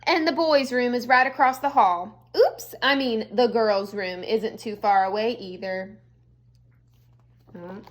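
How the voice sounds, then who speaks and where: An elementary school teacher reads a storybook to young children, her voice a little high and her pace measured. She reads expressively and drops in casual, chatty asides.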